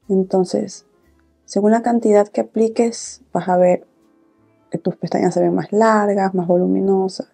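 A woman vlogger speaks in a soft, hushed, intimate way, as if keeping her volume down. Her voice is mellow with plenty of gentle creak. She chats casually through a beauty routine over faint background music. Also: mid-range voice. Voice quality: soft-spoken. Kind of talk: casual get-ready-with-me makeup chat. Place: small indoor room, filming setup.

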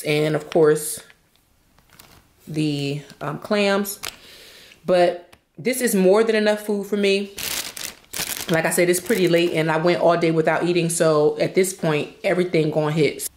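A young woman talks casually to her viewers between bites, sometimes with her mouth full. Her voice sits a touch low. She is recorded in a roomy space, a little back from the mic. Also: darkish tone, a little hiss or hum. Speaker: vlogger. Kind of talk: casual chat while eating. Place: home, indoors. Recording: roomy, from a distance.

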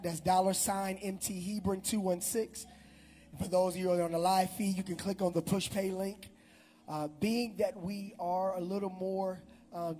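In a large church hall, a middle-aged pastor with a handheld microphone shouts animatedly through a prayer and announcements. His voice sits high, and there's slight background noise.

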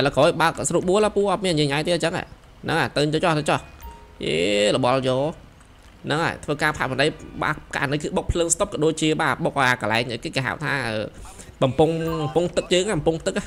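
A young man giving excited gameplay commentary, shouting quick directions as he plays. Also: fairly high pitch, soft background music. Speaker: gameplay streamer. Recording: voice over loud game sirens. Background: police sirens from the game.

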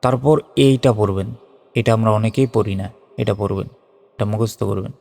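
A man teaching a lesson on prayer recitation, explaining patiently and slowly drawing out the recited phrases. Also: on the low side, creaky, darkish tone, big-room sound. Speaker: religious teacher.

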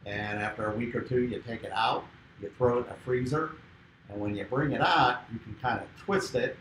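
A man, a beekeeper, explaining hive work in a relaxed, casual discussion. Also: mid-range voice, brisk, reverberant, a little hiss or hum, rough recording.

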